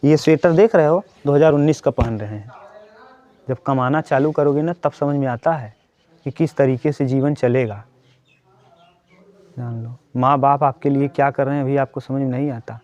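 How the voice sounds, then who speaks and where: A man's voice: mid-range voice, moderate pace, a little mellow. A male coaching teacher giving his students an earnest pep talk in the middle of a maths lesson, repeating his points and answering his own questions. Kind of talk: motivational talk to students during a maths class. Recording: dry, dull lo-fi sound.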